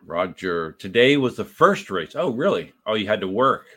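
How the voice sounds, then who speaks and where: Low-voiced man rambling on a livestream. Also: sing-song, moderate pace, bright, forceful tone, breathy edge. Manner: rambling and self-correcting, talks to viewers by name. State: has had a few drinks. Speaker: livestream host. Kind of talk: casual livestream chat, reading out chat messages.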